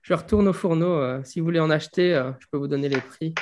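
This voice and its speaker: A brisk, elderly witch in a tabletop game, acted out by a man. The pitch sits high and the voice has some creak, with the dismissive manner of an old pastry seller. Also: a little mellow, close to an everyday voice. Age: 80s.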